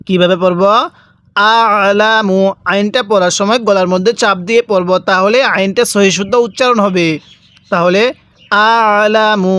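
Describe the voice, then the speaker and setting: A man teaching Quran reading step by step, drawing out each word slowly and asking the learner to repeat after him. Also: sits high, a bit bright, no room sound. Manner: slow, drawn-out recitation of each word, then repeats it for the learner. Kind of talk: step-by-step recitation lesson.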